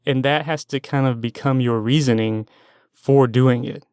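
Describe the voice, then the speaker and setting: A man's voice: medium pitch, fairly even intonation, moderate pace, darkish tone, smooth, no room sound, clean studio sound. A young man hosting a solo podcast, thinking aloud in a meandering, self-doubting way and sometimes losing his train of thought. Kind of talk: rambling stream-of-consciousness monologue.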